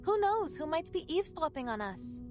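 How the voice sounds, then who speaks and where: A woman's voice: very high voice, very animated, normal speed, over music. An actress playing a stubborn, defiant young woman in a game, curt and sardonic in her delivery. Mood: defiant irritation.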